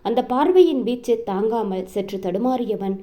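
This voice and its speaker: Mellow-voiced woman narrating a romance story. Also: a little high, moderate pace. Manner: steady storytelling. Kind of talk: scripted narration of a romance novel.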